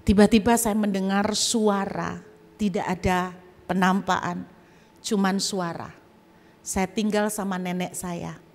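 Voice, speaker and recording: A woman pastor preaching an unhurried testimony sermon, acting out her story with sound effects and turning often to the congregation. Her mid-pitched voice rings in the long reverb of a church auditorium. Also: a little mellow.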